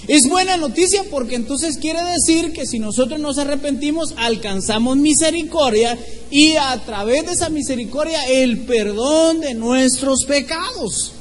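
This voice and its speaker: A man preaches in a loose, conversational way and keeps asking his listeners questions. His voice sits high for a man. It rings with a long echo in a church hall, with faint noise underneath. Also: moderate pace. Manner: conversational, asks the congregation questions, restarts often. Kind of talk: informal sermon.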